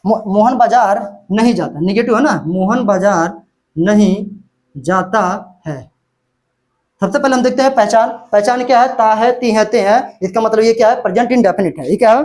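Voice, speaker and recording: A man's voice: sits high, fast, hardly any pauses, darkish tone. A man teaching a grammar lesson, who keeps asking questions and answering them himself and repeats key words. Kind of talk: classroom-style grammar lesson.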